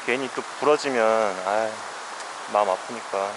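Fly fishing alone on a shallow mountain stream, a man talks to himself in a lowish, unhurried voice, casual, wry and weary as he narrates. He's filming on a head-mounted action camera, and the stream's noise runs behind him.

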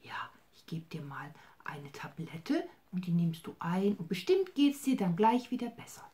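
A woman voicing a calm male animal doctor in a soft whispered role-play. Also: on the low side. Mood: soothing. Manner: soft, hushed and slow.

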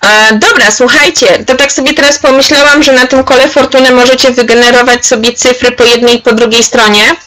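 A woman's voice: high voice, steady tone, fairly quick, few pauses, pushed and bright, rough recording. A woman leading an online workshop for teachers, demonstrating an activity on screen. She is chatty and encouraging and calls participants by name. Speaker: trainer leading a webinar for teachers.

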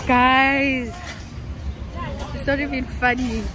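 A woman's voice: high voice, level tone, slow pace, crowd noise. Young woman talking through a face mask. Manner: chatty, giggly, rambling. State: cold, shivering. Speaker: vlogger. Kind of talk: casual vlog chat. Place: outdoors on a city waterfront. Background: loud music.

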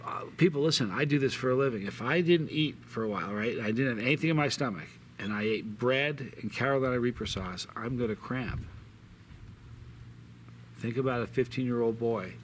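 This middle-aged hot sauce channel host speaks to the camera in front of him from a sunny backyard patio, his low-leaning, slightly bright voice wandering through frequent fillers and false starts. There's a touch of background noise around him outdoors.

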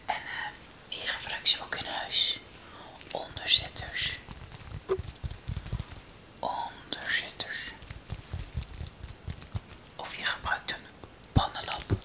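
A woman, whispering ASMR softly and close to the ear, often repeating single words. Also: normal speed. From Netherlands. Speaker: ASMR video creator. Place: small room at home, indoors.

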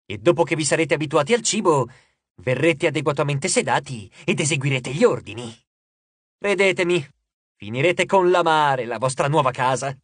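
A man's voice: animated, normal speed, fairly bright tone, husky, no room sound. A man voicing a mocking, grotesque male sea god who taunts his captives in an audiobook. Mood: gloating. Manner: taunting, theatrical, booming.

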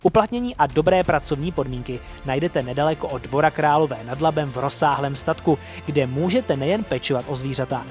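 Young man narrating, formal and slightly high. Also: faint music behind. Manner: formal, even delivery. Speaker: presenter. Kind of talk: scripted narration.

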